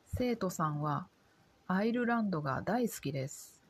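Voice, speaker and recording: A woman from Japan, a Japanese teacher, giving a slow scripted lesson in careful, simple sentences for learners. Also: on the low side, expressive, husky.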